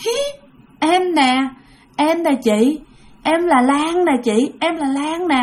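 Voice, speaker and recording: An eerie ghost of a young woman calls out slowly and softly, as a woman storyteller puts her on. The lines are drawn out and a little high. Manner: slow, drawn-out, echoing calls.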